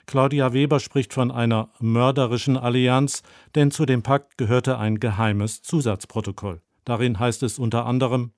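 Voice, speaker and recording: A man reading a scripted radio book review in a sober, measured way. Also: mid-range voice, fairly even intonation, a little mellow, no room sound, clean studio sound. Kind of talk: scripted narration.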